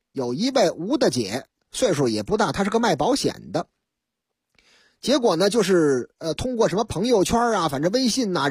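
Beijing lady radio host telling stories, very husky voice, bouncy and lively, dry close mic. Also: fairly low pitch, dry recording. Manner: lively, chatty, addresses listeners directly. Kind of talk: radio storytelling.

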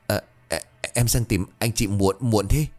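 A man voicing a frightened, scheming sister-in-law who stammers in a shrill voice. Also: measured pace, a little mellow, soft background music, close to an everyday voice. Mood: defensive.

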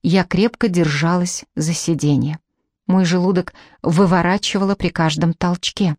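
Low-voiced woman reading an audiobook. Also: steady tone, a little mellow, dry recording, studio quality. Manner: measured storytelling. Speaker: audiobook narrator. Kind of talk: scripted first-person narration.

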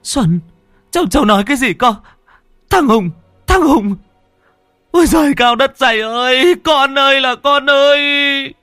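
A woman voicing a grief-stricken older mother who wails a drawn-out lament for her son, in an audio storybook. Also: on the high side, lively intonation, fairly bright tone, no room sound, studio quality, faint music behind. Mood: shocked. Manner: wailing lament.

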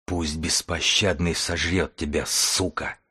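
A man's voice: low-pitched, normal speed, husky. A man voicing a weak, hate-filled priestess woman. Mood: hateful. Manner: weak, hateful, pleading.

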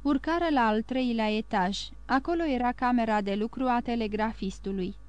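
A woman reading a classic novel aloud in an even, measured audiobook narration. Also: on the high side, clean tone. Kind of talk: scripted narration.

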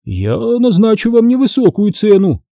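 A man's voice: sits high, sing-song, moderate pace, creaky, dark tone, no room sound, clean studio sound, voice pushed up, heavily acted. A man reading aloud, voicing a nervous, sweaty older man who halts as he tries to sell his car. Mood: pleading.

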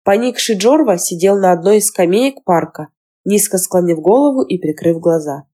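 A woman reading a fantasy novel aloud as scripted narration, in an even, measured delivery. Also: on the low side. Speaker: audiobook narrator.

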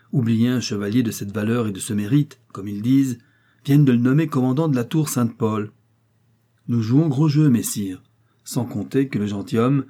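A man's voice: mid-range voice, warm tone, slightly rough, lightly acted. A man reading an old novel aloud, voicing a cunning, ironic male servant who plots against his master. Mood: scheming. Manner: mocking, insistent. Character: scheming sly male servant, ironic and bold.

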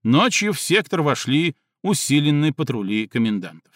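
A man narrating an audiobook in an even, measured reading. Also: a little high, no room sound, clean studio sound. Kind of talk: scripted narration.

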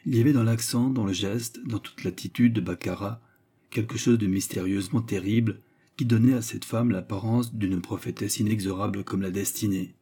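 A man narrating a classic novel in a steady, measured storytelling voice. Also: lowish voice, breathy edge. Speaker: audiobook narrator.

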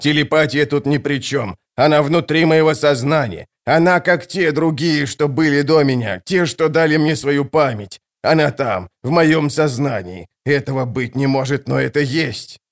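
A man voicing a very old, fanatical woman seer who hisses her words slowly and fervently. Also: fairly high pitch, close to an everyday voice. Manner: slow, hissing, fervent.

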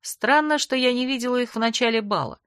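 A woman narrating a first-person fantasy audiobook in an expressive, measured storytelling voice on a close mic. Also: a little high, clean tone, no room sound.

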